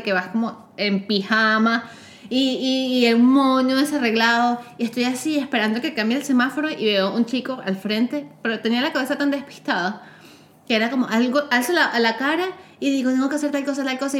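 A woman telling a funny story in casual chat, laughing as she talks. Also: a little high. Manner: animated, laughs while telling stories. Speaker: podcast co-host. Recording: echoey room.

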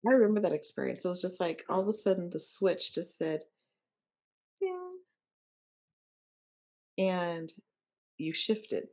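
A woman's voice: lowish voice, moderate pace, warm tone. A woman coach hosting an interview, encouraging and repeating key phrases for emphasis. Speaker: life coach and podcast host.

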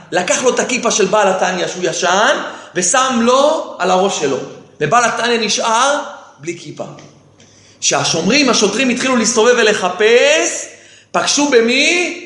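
A man's voice: high voice, fairly bright tone, echoey room. A man giving a sermon as a rabbi who keeps asking rhetorical questions and answering them himself, with key phrases repeated for emphasis. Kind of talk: sermon with storytelling.

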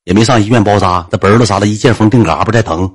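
A man with a Northeastern Chinese accent telling a comic story in a lively, colloquial way. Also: on the low side, rapid-fire, breathy edge. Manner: lively, colloquial, acts out voices.

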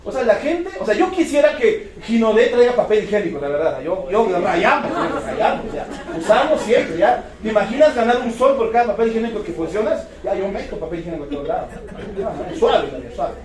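A man with a Peruvian accent giving an energetic motivational sales talk, firing rhetorical questions and repeating key words. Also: sits high, fairly quick, hardly any pauses, a crowd in the background. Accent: Peruvian Spanish. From Peru. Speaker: business presenter. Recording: echoey room, distant mic.

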